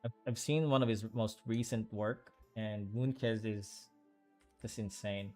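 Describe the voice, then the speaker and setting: A man's voice: on the low side, steady tone, a little slow, darkish tone, faint music behind. A man who is an artist, chatting casually on a livestream while he draws and rambling with lots of fillers and restarts. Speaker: artist streaming while drawing.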